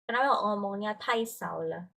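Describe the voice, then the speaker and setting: A woman's voice: mid-range voice, moderate pace, creaky, pushed and bright. A woman tutoring Mandarin, explaining patiently and often checking that her student follows. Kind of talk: online language lesson.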